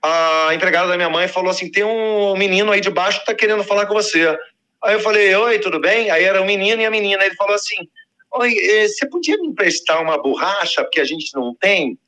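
Speaking quickly in a voice that sits high, a man spins a long, casual personal tale full of slang. He's animated and does the voices of everyone he quotes.

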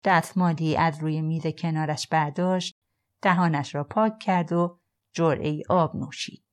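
A woman reads a thriller aloud in a steady, measured narration. Her voice sits on the low side and stays composed. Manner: calm, even storytelling. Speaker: audiobook narrator. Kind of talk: scripted narration.

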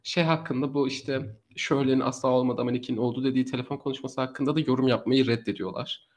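A man co-hosting a casual true crime podcast, telling the story in an animated way and laughing often. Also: mid-range voice, quick pace.

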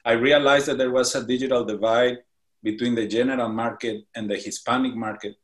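A man's voice: mid-range voice, steady tone. A man from Mexico, a guest on a talk show, answering interview questions earnestly with frequent restarts. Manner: earnest, halting with fillers and restarts. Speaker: guest, business association founder.

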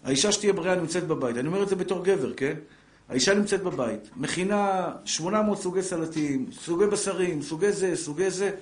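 A middle-aged man leads a religious class before a live audience. His voice sits somewhat high, and he is lively and joking as he speaks straight to his listeners and acts out little family scenes. The recording carries the echo of the room. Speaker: Torah teacher. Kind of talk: live Torah lesson to an audience. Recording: echoey room.

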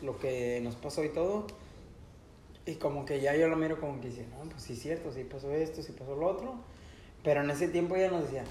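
A man chatting casually on a podcast, relaxed and peppering his talk with slang fillers. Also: a little high, slight background noise. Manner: relaxed, says "güey" constantly. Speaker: podcast co-host. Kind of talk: casual chat. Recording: roomy room sound.

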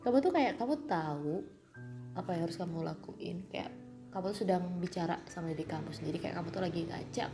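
Young woman, lowish voice, introspective vlog monologue, clear music underneath. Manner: reflective, self-critical, mixing in English phrases. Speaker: vlogger. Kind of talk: personal monologue. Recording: music playing behind.

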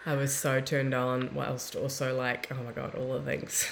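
Soft-spoken heartfelt young woman. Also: a bass voice, flat delivery, moderate pace, creaky. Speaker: podcast guest. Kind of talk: reflective casual conversation.

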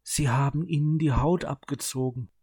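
A man's voice: a little high, normal speed, dark tone, husky, no echo. A man doing an eerie undead young brother.

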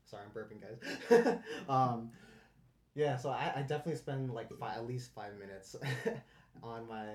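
A man's voice: medium pitch, expressive, moderate pace. Young man, podcast co-host, casual chat, laid-back, roomy echo. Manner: laid-back, laughs often. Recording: echoey room.

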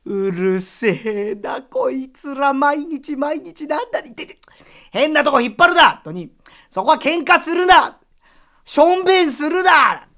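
A woman voicing a stingy middle-aged Edo townsman who grumbles in rough street speech. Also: high-pitched, lively intonation, slow pace, few pauses, exaggerated voice. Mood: irritated.

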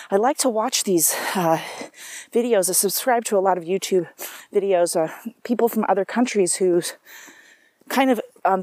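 Speaking to her camera, a South African vlogger rambles casually through her thoughts with plenty of asides and restarts. Her mid-range voice is a little mellow, and there is no room sound.

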